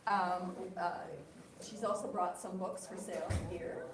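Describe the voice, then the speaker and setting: A woman hosting a library author event, giving friendly, halting closing announcements. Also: on the low side, steady tone, a loud crowd. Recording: echoey room, distant mic, noisy.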